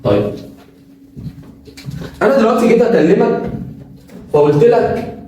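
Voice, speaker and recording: A man's voice: sits high, lively intonation, normal speed, mellow. A man with an Egyptian Arabic accent teaching an English grammar class, explaining step by step and asking the students rhetorical questions. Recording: very echoey room, voice from far off, faint noise.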